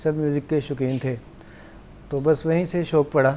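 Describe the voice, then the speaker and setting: A man who sings ghazals, talking calmly and modestly as a studio guest in a soft, low-toned voice. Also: a little hiss or hum. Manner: calm, unhurried, modest explanations. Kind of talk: casual interview chat. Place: television studio.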